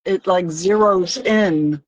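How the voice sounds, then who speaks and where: A woman hosting a live craft stream talks in an unhurried, drawn-out manner, chatting casually with viewers and a guest, reading out where viewers are from, and pausing often on small fillers. Her voice is lowish, captured by a computer mic on a live video call, with no room sound and low recording quality.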